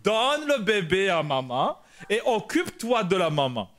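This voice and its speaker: Man, pastor, high lively voice, bright tone, animated sermon storytelling. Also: unhurried. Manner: animated storytelling, laughing and shouting at dramatic moments. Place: church prayer meeting.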